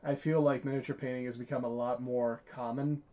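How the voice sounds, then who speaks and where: A man's voice: mid-range voice, little pitch movement, a little fast, mellow, lo-fi sound. Upbeat man chatting about hobby plans. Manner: upbeat, enthusiastic, hedging with "I feel like". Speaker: co-host. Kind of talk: casual unboxing chat.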